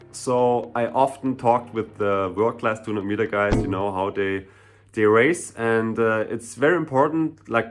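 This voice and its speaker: In a laid-back Q&A vlog, a young sprinter and hurdler from Germany takes questions from viewers, speaking with a German accent. His voice is fairly low, and his talk is full of "like" and "you know."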